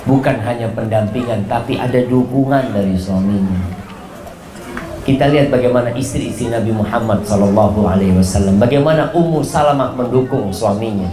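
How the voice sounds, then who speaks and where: Lively male preacher in an echoey hall. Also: a little fast. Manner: animated, swooping pitch, humorous asides. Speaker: Islamic preacher. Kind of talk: lively sermon to a congregation. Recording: echoey hall, faint room noise.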